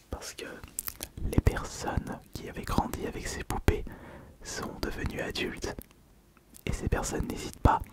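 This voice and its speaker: Man whispering ASMR, right in your ear. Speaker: ASMR video host.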